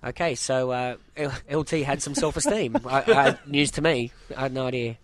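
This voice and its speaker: A man hosting a casual breakfast radio show, nasal from a head cold, relaxed and hesitant with many fillers. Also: mid-range voice, moderate pace, no room sound. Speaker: radio host. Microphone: studio microphone.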